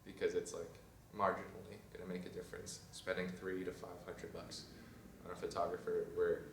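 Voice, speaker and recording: Young guy vlogging in his studio, low voice, kinda roomy, mic a bit far off. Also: a little fast, noisy background. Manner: relaxed, rambling, trailing off into quiet asides. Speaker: fashion design student vlogger. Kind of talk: casual vlog talk. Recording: roomy sound from off mic, faint ambience.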